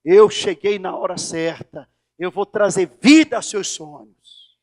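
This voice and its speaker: A pastor voicing a gentle, reassuring Lord. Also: male voice, high-pitched, a little slow, pitched below the performer's own voice. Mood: comforting. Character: gentle reassuring divine father voice.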